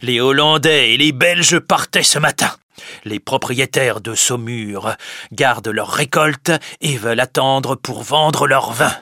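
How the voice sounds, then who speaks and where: A man's voice: medium pitch, expressive, takes it slowly, bright, forceful tone, dry recording, studio quality, full character voice. A man reading aloud who voices a stern, miserly old wine-grower father who counts every coin. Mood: excited. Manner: counting money aloud, insistent. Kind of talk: audiobook reading.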